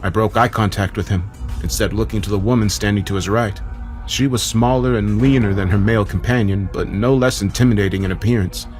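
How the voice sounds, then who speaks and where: A man narrating a first-person horror story in a measured, dramatic way. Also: fairly low pitch, darkish tone, faint music behind.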